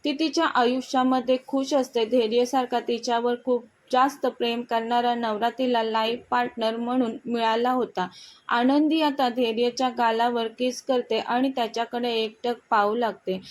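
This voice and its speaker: A woman's voice: fairly high pitch, fairly even intonation, normal speed. A woman narrating a short romantic story as a storyteller, reading it aloud steadily.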